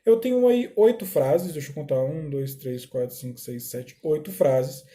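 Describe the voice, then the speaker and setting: A Brazilian man teaching a recorded English lesson, explaining slowly, repeating phrases and checking understanding with short "tá?" tags. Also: a little high, warm tone.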